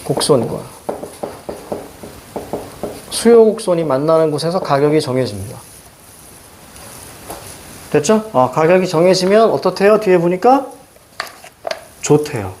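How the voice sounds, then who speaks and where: A middle-aged man teaching a reading lesson, quizzing students with quick questions and a repeated "now". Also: a little high, a little mellow, a little hiss or hum. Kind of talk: recorded lecture explaining a reading passage.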